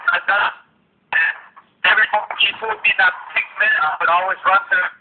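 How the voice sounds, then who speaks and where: A man's voice: sits high, steady tone, fairly quick, phone-quality sound, noisy background. A man talking bluntly in a casual phone conversation, his voice cutting out as the line breaks up. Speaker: caller on a phone call.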